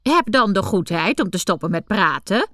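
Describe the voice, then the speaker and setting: A woman's voice: medium pitch, big pitch swings, normal speed, fairly bright tone, no room sound, clean studio sound. A woman voicing a smug, bossy hen in a storybook, haughty and condescending.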